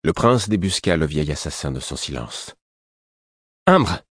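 A man narrating a story in a steady, composed way. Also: extremely low pitch, normal speed, slightly rough, dry recording, studio quality. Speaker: audiobook narrator. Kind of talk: scripted narration.

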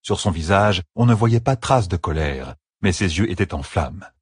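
Audiobook: husky male narrator, lively intonation, dry close sound. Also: low-pitched, no room sound. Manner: measured, expressive reading. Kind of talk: scripted fantasy narration.

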